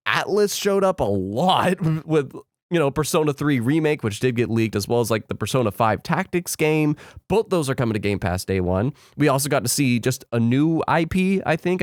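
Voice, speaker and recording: A man's voice: medium pitch, no room sound, studio quality. A man talking as a gaming vlogger, giving casual, opinionated commentary to viewers in a rambling, conversational way. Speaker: gaming vlogger, channel host.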